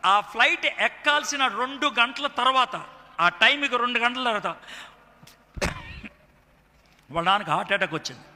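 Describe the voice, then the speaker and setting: A male pastor preaching a sermon, animated and repeating lines for emphasis. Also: very high-pitched, brisk. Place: prayer hall. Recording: long reverb of a hall.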